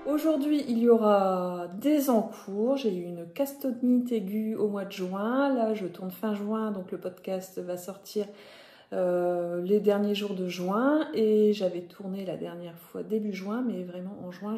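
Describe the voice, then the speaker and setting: Chatting casually and hesitantly on her knitting podcast, this northern French host often corrects herself. Her mellow, medium-pitched voice moves a little slowly and carries a Ch'ti accent, and the room around her echoes.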